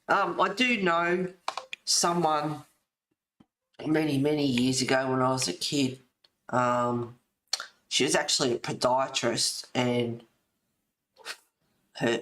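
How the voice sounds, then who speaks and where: A middle-aged woman with a raspy smoker's voice, chatting casually and ramblingly to viewers as she hosts a hobby video. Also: very deep voice, fairly bright tone. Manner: rambling, giggly, reading aloud and replying to viewers. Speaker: host of a colouring video. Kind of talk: casual chat to live viewers.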